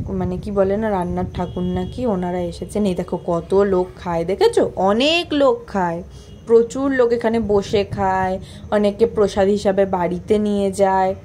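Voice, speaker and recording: A woman's voice: medium pitch, dark tone, a little hiss or hum. A young woman narrating her own vlog in a chatty, playful, self-mocking voice-over. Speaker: vlogger.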